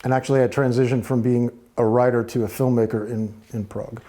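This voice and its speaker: A man from the United States with an American accent, a guest in a studio interview, talking in a thoughtful, measured way with frequent fillers. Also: medium pitch, steady tone, dark tone. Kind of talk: relaxed interview talk.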